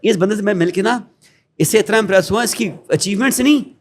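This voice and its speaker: A man's voice: sits high, a little hiss or hum. A middle-aged man with a Pakistani accent, talking as an interview guest in an earnest, preachy way, often slipping into quoted asides. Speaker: guest, education founder. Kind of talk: conversational interview.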